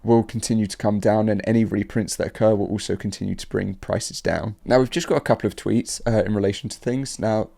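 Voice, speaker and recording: Host type: sick man, low and mellow, gravelly, loose rambling commentary. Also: fairly even intonation, a little fast, few pauses. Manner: rambling, filler-heavy. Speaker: card market channel host. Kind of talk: casual market commentary.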